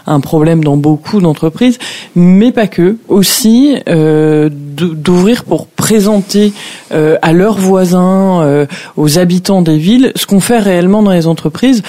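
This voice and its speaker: A woman's voice: lowish voice, unhurried, dark tone. A woman speaking as a business guest on the radio, explaining with some hesitation. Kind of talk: radio interview.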